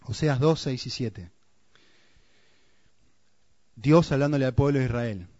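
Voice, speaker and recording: Man, Rioplatense accent, preacher, sermon, hushed then urgent repetition, dry close sound, a bit muffled. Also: mid-range voice, slow pace, dry recording. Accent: Rioplatense Spanish. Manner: swings between hushed emphasis and raised, urgent repetition.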